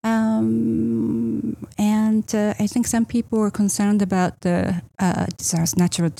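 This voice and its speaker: A woman's voice: mid-range voice, flat delivery, measured pace, gravelly, dark tone. A middle-aged woman from Japan, a real estate agent answering interview questions in a hesitant way, with many fillers.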